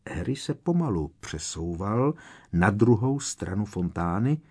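Guy narrating an audiobook, husky lowish voice, really animated delivery.

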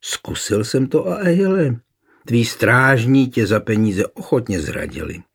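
A man reading a historical novel aloud voices a calm, mocking young nobleman taking revenge on his wife. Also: medium pitch, breathy edge.

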